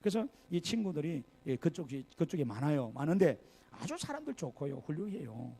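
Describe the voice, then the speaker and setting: An older man preaches in a Gyeongsang accent, his voice gravelly and dark. He swings his pitch widely, tossing out chatty asides and rhetorical questions to the congregation. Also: sing-song, fairly quick. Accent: Gyeongsang Korean. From Gyeongsang region, Korea. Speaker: pastor. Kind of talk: sermon. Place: church sanctuary.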